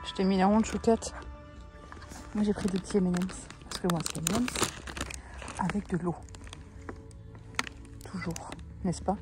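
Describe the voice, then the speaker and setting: A woman's voice: medium pitch, steady tone, measured pace, long pauses, music in the background. A middle-aged woman chatting casually in her vlog, self-mocking and hesitant, often trailing off with fillers. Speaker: vlogger.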